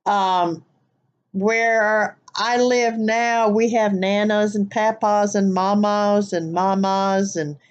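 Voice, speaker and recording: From her living room couch, an older woman vlogger talks casually and a bit ramblingly into her webcam for an accent tag video. Her mid-range voice is steady, clear and resonant, and she takes it slowly, though the sound is lo-fi. She's from the American Midwest, her accent a mix of Southern US and Wisconsin nasal twang.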